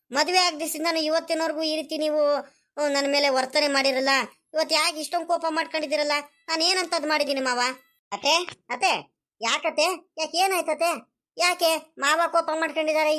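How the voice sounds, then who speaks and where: A woman's voice: sits high, fairly bright tone. A woman voicing a pleading young village husband. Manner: pleading, repetitive questions. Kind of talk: village comedy cartoon voice acting.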